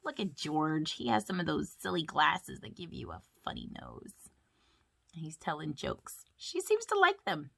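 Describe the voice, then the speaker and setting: A woman pastor chats playfully and reads a story aloud for children. Her voice is bright and clear, swinging lively up and down as she shows the pictures. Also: sits low, moderate pace. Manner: chatty, animated, playful.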